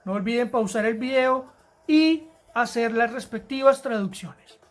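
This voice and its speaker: A woman teaching an English grammar lesson to Spanish-speaking students, explaining rules patiently and repeating key words slowly. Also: a little high, soft background music. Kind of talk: recorded grammar lesson narration.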